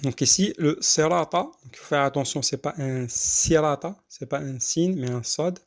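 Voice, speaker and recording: A man teaches correct Quran recitation at a measured, mid-pitched level. His explanations come in broken phrases full of hesitations. He slows right down to recite the verses, drawing out their long sounds. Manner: halting explanations with many fillers, then slow drawn-out recitation. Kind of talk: tajwid lesson with recitation.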